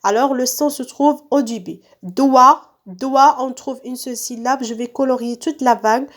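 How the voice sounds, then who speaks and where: A woman's voice: fairly high pitch, moderate pace, a little mellow. A woman teaching young pupils in a recorded lesson, stretching out and repeating each word so children can follow. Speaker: primary school teacher. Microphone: phone.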